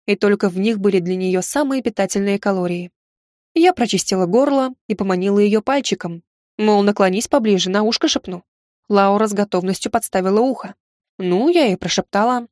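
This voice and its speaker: A woman's voice: medium pitch, a little mellow, dry recording, studio quality. A woman narrating a first-person fantasy romance audiobook in a wry, ironic tone.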